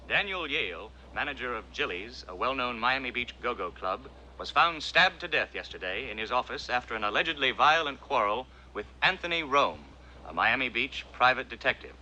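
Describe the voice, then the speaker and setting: Film radio newsreader: serious man, mid pitch, very sharp tone, formal bulletin delivery. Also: lively intonation, brisk, slight background noise, poor audio. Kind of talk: scripted news bulletin.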